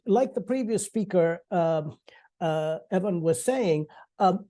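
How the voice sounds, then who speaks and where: A man's voice: a little high, warm tone. A man in his sixties from Sri Lanka, speaking on an online panel in a conversational way, with frequent fillers and restarts. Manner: conversational, many restarts and fillers, laughs lightly.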